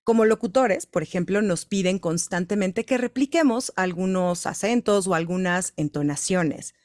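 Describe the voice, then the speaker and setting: A Mexican woman, a voice-over professional, speaks from the stage in an engaging way, often turning questions back to her listeners. Her voice sits at an ordinary middle pitch, and the sound is dry, with little room echo. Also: moderate pace, a little mellow. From Mexico City, Mexico. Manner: engaging, questions the audience directly. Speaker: voice-over artist giving a talk. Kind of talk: conference talk.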